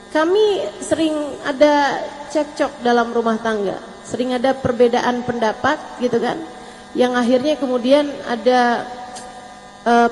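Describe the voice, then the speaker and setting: Woman preacher in a reverberant hall. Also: sits high. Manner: casual, humorous storytelling in colloquial speech. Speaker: preacher (ustazah). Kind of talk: sermon to a religious gathering. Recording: long hall reverb with faint mains hum.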